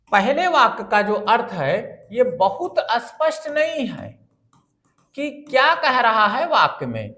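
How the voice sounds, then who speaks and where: Slow, lively-voiced woman teaching. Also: a little high. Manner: patient, explaining step by step with repeated examples. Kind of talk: Hindi grammar lesson.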